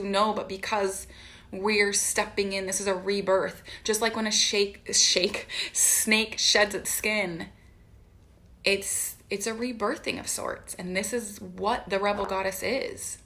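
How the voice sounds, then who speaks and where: A woman's voice: mid-range voice, fairly even intonation, a little slow, sharp tone. A woman hosting a live stream as a coach, giving an impassioned motivational talk and stacking repeated phrases for emphasis. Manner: impassioned, emphatic, keeps checking in with "right?".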